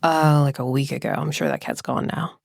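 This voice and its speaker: A woman co-hosting a casual podcast, teasing and expressive. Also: low-pitched, a little fast, gravelly, no echo, studio quality. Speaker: podcast co-host. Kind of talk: casual chat.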